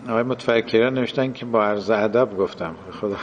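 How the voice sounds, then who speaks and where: A man's voice: on the low side, big-room sound, highs cut off, a little hiss or hum. A man giving a religious lecture in a classroom style, explaining and translating quoted Arabic phrases.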